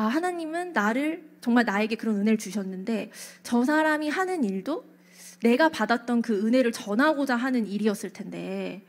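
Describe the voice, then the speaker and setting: Woman giving an animated church testimony. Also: a little high. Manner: animated storytelling, acting out inner voices. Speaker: pastor's wife giving testimony. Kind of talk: church testimony in a worship service. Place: church worship service.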